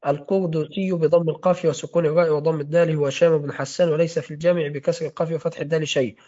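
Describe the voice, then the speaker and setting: A man's voice: on the high side, fairly even intonation, very fast, mellow. A man reading a classical hadith-studies text aloud in a lesson, steadily spelling out names and their vowels. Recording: dull lo-fi recording.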